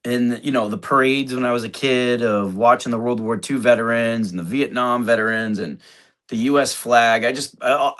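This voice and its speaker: A man being interviewed as a podcast guest, relaxed and halting, with many restarts and fillers. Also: mid-range voice. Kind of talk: casual interview chat.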